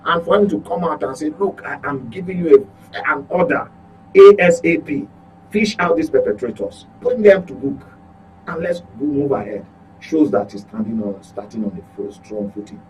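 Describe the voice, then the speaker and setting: On a talk show, a Nigerian-accented man gives political commentary as a journalist, his fairly high voice expressive, a little mellow, and moderately paced. He is emphatic and frequently repeats or corrects his words, against a clearly noisy electrical hum.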